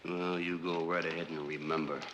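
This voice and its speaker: An actor playing a bitter, sardonic American frontier man in a vintage television western, gruff and sarcastic. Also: deep voice, little pitch movement, fairly quick, dull audio, natural voice. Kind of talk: 1960s television western acting. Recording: noisy old TV soundtrack.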